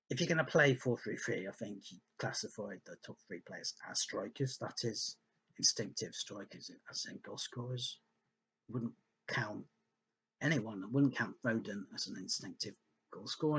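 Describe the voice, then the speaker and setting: Hiccuping and burping as he goes, a man rambles through casual spoken football analysis over slides, full of ums and restarts as he thinks aloud. His voice is fairly low, husky and a bit bright.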